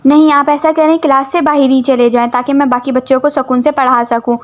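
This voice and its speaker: A woman doing a stern, sarcastic male teacher in a homemade audio story. He scolds slowly and mockingly, in a high voice close to the narrator's own. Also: fairly even intonation, lightly acted.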